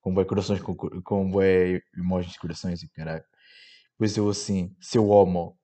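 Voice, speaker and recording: A young man with a European Portuguese accent hosts a casual solo podcast, his voice sitting low, steady and mellow at a normal speed. He rambles in slang, packing in lots of fillers and swearing.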